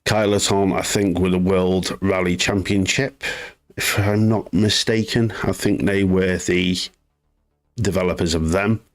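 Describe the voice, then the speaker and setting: A man's voice: sits low, fairly even intonation, measured pace. A man hosting a live gaming news stream, chatting casually, rambling off on asides and answering viewers in chat. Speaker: gaming news livestream host.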